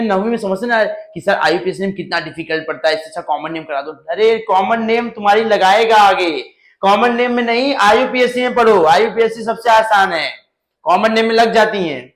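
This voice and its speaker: Man, chemistry teacher, high voice, animated lecture, asks and answers his own questions, echoey room. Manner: animated, asks questions and answers them himself, jokes with students. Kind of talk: lively classroom lecture.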